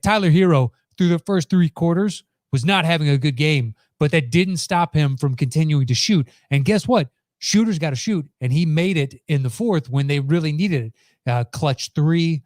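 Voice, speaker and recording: A man's voice: medium pitch, a little mellow, no room sound, clean studio sound. A man hosting a sports podcast with blunt, conversational, casual commentary.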